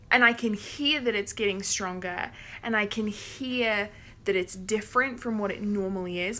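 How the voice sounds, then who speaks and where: A woman's voice: medium pitch, sharp tone, slight background noise. A young American woman co-hosting a live vlog, telling stories in a chatty way and laughing easily. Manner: chatty, storytelling, quick to laugh. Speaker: vlog co-host. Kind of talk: casual live-stream chat.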